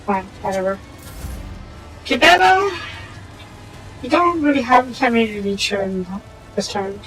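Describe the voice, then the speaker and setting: A woman's voice: a little high, animated, a little slow, fairly bright tone, faint music behind, poor audio. A woman streaming a video game, chatting casually as she plays and reading the game's text aloud, sometimes stumbling over the words.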